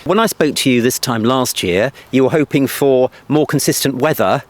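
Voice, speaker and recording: A man's voice: mid-range voice, moderate pace. A man hosting a radio news feature, asking questions in a conversational way.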